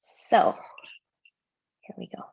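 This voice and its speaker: A woman's voice: slow, darkish tone, no room sound. A woman from Turkey presenting her business on a video call, hesitant with many fillers. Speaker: guest speaker, agency founder. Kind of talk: online presentation with slides. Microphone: video call microphone. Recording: dull dry video call audio.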